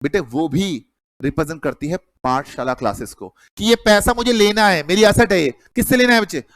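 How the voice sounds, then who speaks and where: Man, middle-aged, accounting teacher, high-pitched, quizzing students, dry close sound. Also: animated, fairly quick, a bit bright, dry recording. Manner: calls students "beta", quizzes the class with repeated questions. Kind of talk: classroom lecture. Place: classroom.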